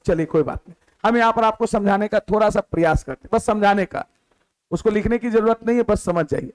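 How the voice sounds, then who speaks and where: Man, maths teacher, classroom lecture, high voice, quizzing the class and answering himself. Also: poor audio. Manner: asks the class questions and answers them himself; repeats key words, drops to a lower voice on the answer.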